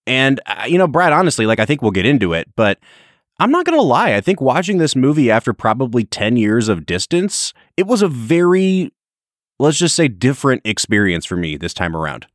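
A man's voice: medium pitch, sing-song, brisk, no echo, studio quality. A man co-hosting a film podcast in casual, conversational chat, recording from a makeshift space at home. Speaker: podcast co-host.

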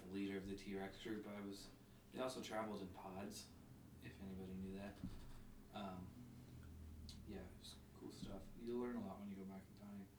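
A man co-hosting a casual chat, rambling and filling his stories with "like". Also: on the low side. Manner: rambling, heavy use of "like". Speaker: podcast co-host. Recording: roomy, distant mic, noisy.

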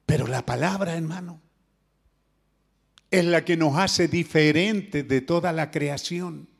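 A man's voice: fairly high pitch, slow, vocal fry. A man preaching a sermon, earnest and full of rhetorical questions to his listeners.

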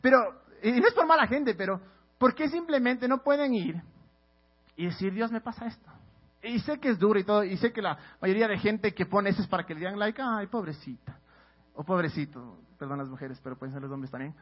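A man's voice: high voice, expressive, brisk. A young man, preaching a casual, conversational sermon full of slang and scripture quotes. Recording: dull lo-fi recording.

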